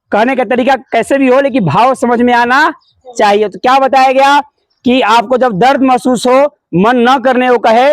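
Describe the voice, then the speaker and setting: A male teacher with a strikingly high voice leads a morning assembly. He drills the children in call-and-response, repeating each word and posing questions he answers himself. The sound is close and dry, with no room echo. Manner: repeats key words, calls pupils "babu"; mixes English words into Hindi explanation. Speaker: school teacher. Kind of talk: leading a morning school assembly lesson.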